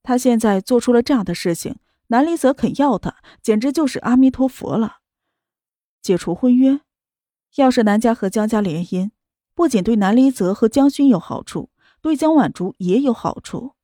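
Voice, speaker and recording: Mellow, dry-voiced female audiobook narrator. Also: a little high, animated, normal speed, no room sound. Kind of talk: scripted novel narration.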